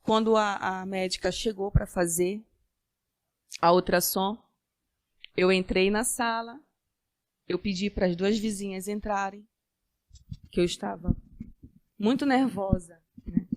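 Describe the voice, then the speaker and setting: A woman giving a personal faith-filled testimony as a podcast guest, earnest, with halting restarts. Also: medium pitch, steady tone, dry recording, studio quality. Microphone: studio podcast mic.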